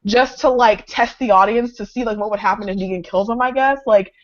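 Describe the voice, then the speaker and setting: A woman's voice: medium pitch, fairly quick, highs cut off. A woman ranting to friends on a live online call, frustrated and swearing, with "like" between nearly every phrase. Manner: frustrated, profane, filler-heavy ranting. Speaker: fan in a live discussion. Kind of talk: casual group chat rant. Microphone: video call.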